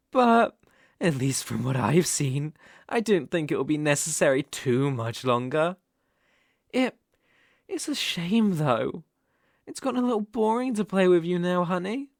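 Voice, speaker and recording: A British man with a high-pitched voice and vocal fry plays an obsessive, possessive young kidnapper in an intimate ASMR roleplay. Close on the microphone with no room sound, he coaxes and menaces in a condescending way.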